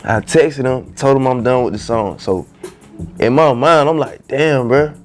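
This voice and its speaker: In a casual storytelling interview, a young man who raps talks through his story as a podcast guest, unhurried and in a mid-range voice. Faint music sits in the background, and his speech is loose, slangy, and full of "you know what I'm saying."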